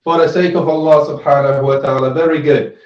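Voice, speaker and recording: A Swiss Islamic studies teacher with a high-pitched voice leads an interactive religious class, constantly questioning his listeners, repeating key phrases for emphasis, and tacking on "right?" often. He speaks fast in a steady tone, and the audio is dull, roomy and noticeably echoey.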